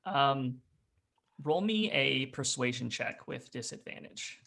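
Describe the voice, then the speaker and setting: A man's voice: medium pitch, animated, takes it slowly, gravelly, bright, forceful tone. A man running a tabletop game as game master, narrating with many fillers and restarts. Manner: hesitant, full of fillers, descriptive.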